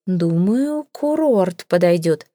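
Overwrought fake seer lady, slow wailing doom chant, dry close sound, read by a woman. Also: fairly low pitch, expressive, mellow, dry recording. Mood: stern. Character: theatrical female fake fortune teller, ex-actress.

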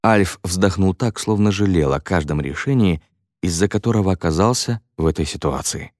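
A man reading an audiobook in a measured, expressive way. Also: low-pitched, no room sound, studio quality. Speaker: audiobook narrator. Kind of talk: scripted narration.

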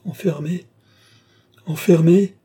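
A man's voice: medium pitch, steady tone, normal speed, mellow, breathy edge, lightly acted. A man reading an audiobook, voicing a furious, desperate young captive woman in raised, pleading and defiant outbursts. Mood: hysterical.

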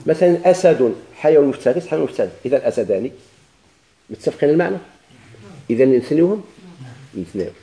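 A man's voice: on the high side, animated, fast, long pauses, mellow, reverberant, low-quality recording. A man with a Moroccan Arabic accent teaching a grammar lesson, asking questions and answering them himself with repeated examples.

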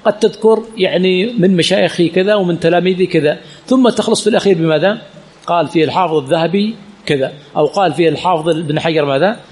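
A sheikh teaching hadith chain studies speaks fast in a high-pitched, darkish voice with a breathy edge. The setting is a classroom lesson with Q&A at a religious teaching center, where he repeats key words and keeps quizzing students rhetorically.

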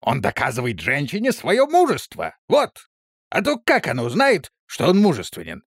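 A man's voice: on the high side, wildly swooping pitch, normal speed, vocal fry, dry recording, clean studio sound, exaggerated voice. A man voicing a pompous male onion-headed clone captain who blusters and boasts, in an audiobook reading.

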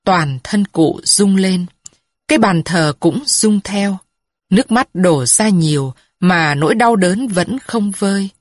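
A woman reading a scripted story narration in a slow, measured and even way. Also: medium pitch, dry recording, clean studio sound.

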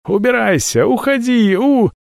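A man voicing a terrified but defiant young woman, with high, strained shouting in a fantasy audiobook. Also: lively intonation, a little slow, gravelly, no echo, studio quality, heavily acted.

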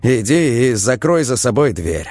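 A man's voice: medium pitch, big pitch swings, measured pace, darkish tone, no echo, pitched above the performer's own voice. A man voicing a tense teenage boy who is a protective older brother, talking firmly and holding back his anger.

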